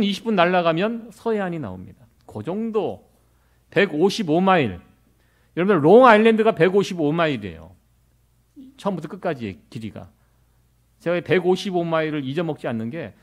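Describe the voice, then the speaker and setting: A middle-aged man from Korea, preaching a sermon as pastor in a conversational way, with many rhetorical questions to the congregation. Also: on the high side.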